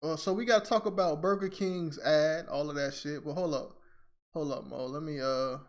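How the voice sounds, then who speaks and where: Gravelly-voiced man joking with friends. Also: a little high, steady tone, moderate pace. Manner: profane, joking, laughs often. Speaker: podcast co-host. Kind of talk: casual chat. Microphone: remote voice chat.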